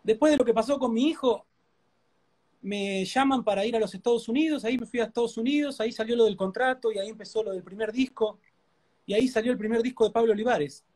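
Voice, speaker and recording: A man's voice: extremely high pitch, quick pace, a little mellow. A man with a Rioplatense Spanish accent shares a personal testimony during a live interview. He talks like a preacher, earnest and heartfelt. He repeats his words over and over for emphasis.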